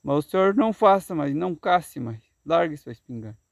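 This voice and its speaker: An older man voicing a wise talking male parrot who leads a flock, shrill and chattering in a storyteller's tale. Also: animated, fairly quick, vocal fry, no room sound, clean studio sound. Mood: firm.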